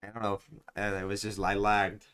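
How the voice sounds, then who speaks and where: A man's voice: fairly low pitch, completely flat delivery, a little fast, fairly bright tone, smooth. A young man streaming a hunting game, chatting loosely with viewers, rambling and self-mocking, often saying like and dude. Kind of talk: casual live-stream chat while gaming.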